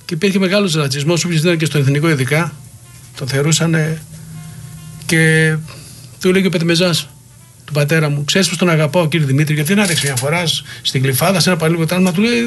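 A man's voice: on the high side, faint music behind. A middle-aged man, a former wrestler, being interviewed and telling rambling, heated anecdotes full of quoted dialogue. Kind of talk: interview storytelling.

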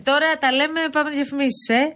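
A woman hosting a radio show, chatting in a lively way. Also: high voice, crowd noise. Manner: lively, laughing chat. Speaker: radio host.

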